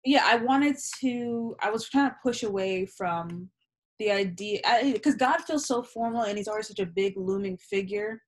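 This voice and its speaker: Speaking at a normal pace with a medium-pitched voice, this young woman is a poet and interview guest, a native Yoruba speaker. Over a laptop webcam video call from a small home room, she reflects casually on her writing, animated, gesturing and openly swearing.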